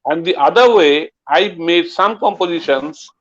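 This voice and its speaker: A tabla guru, a man, explaining in a slow, halting way and reciting drum syllables in rhythm. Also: a little high. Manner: slow, halting, mixes English and Bengali, recites bols rhythmically. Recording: slightly dull lo-fi audio.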